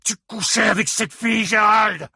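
A rough, vengeful father who screams his accusations and insults. The voice climbs high and raw with a husky grain. It sits dry and close in an audiobook read. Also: moderate pace, pushed and bright, dry recording, exaggerated voice. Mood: raging shouts. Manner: bellowing threats and insults. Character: enraged grieving father, rough middle-aged man.

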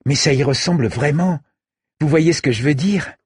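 A man voicing a curious, chatty boy who asks excited questions. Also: fairly high pitch, normal speed, breathy edge, no echo, studio quality, voice pushed up. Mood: eager.

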